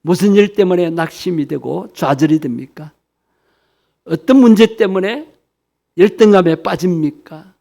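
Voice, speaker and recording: A man's voice: sits high, unhurried, vocal fry, dark tone. A man preaching a sermon to his congregation at a church service, earnest and exhortative, speaking straight to the people in the pews. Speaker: pastor.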